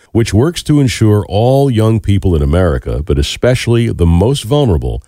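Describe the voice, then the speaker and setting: A man co-hosting a weekly radio show, speaking in a measured announcer manner as he reads a guest's bio. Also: low-pitched, warm tone, dry recording, studio quality.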